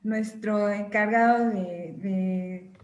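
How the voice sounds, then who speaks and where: A woman's voice: mid-range voice, steady tone, very slow, reverberant, muffled recording. A woman hosting an online class, calling on participants in turn with an encouraging manner over a video call. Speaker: class host. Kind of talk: casual introductions on a video call.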